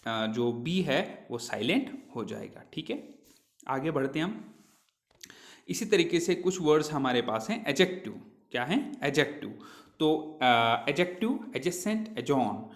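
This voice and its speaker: A male English teacher, giving a classroom pronunciation lesson, asking his own questions and repeating words slowly. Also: fairly high pitch, lively intonation. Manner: speaks Hindi mixed with English words.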